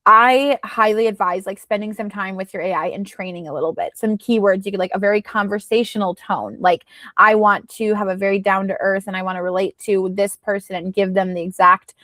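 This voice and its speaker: A woman's voice: medium pitch, fairly even intonation, brisk, sharp tone, no echo. Chatty woman coach, dry close sound. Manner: chatty, advising, many fillers. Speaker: business coach. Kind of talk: casual advice.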